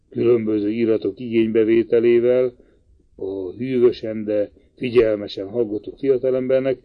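A man narrating a literary audiobook in a measured, even reading voice. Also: lowish voice, dull audio. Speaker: audiobook reader.

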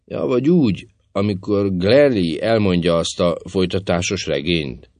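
A man's voice: low voice, darkish tone, dry recording, lightly acted. A man reading an audiobook, voicing a vain, flirtatious stage actress who teases and coaxes in a coquettish manner. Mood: playful. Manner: coquettish, teasing, affectionate. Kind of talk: audiobook character voice.

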